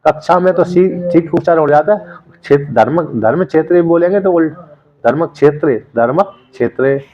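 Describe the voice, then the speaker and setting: A man lecturing on a Sanskrit text, explaining terms and repeating words slowly to drill their pronunciation. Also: a little high, mellow, lo-fi sound. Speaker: Sanskrit scripture teacher.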